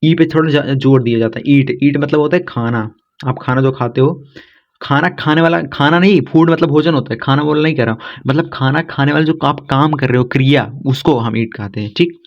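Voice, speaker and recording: A man teaching English vocabulary to learners, going word by word and repeating each one with a steady "okay". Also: mid-range voice, brisk. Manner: repetitive, keeps saying "thik hai". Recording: slightly dull lo-fi sound.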